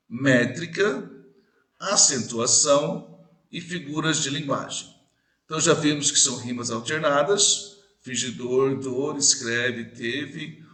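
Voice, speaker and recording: A man teaching a poetry lesson, talking straight to the viewer, checking that they follow, and reading verses slowly with the stressed syllables marked. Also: mid-range voice, sharp tone, reverberant. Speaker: literature teacher.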